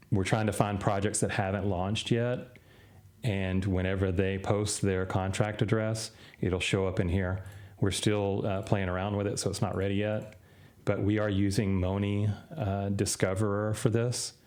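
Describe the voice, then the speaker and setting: Low-voiced man losing his voice. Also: a little mellow. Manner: unhurried, loose, full of "uh" and "you know". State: losing his voice, frequently clearing throat. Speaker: crypto trading channel host. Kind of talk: casual screen-share walkthrough.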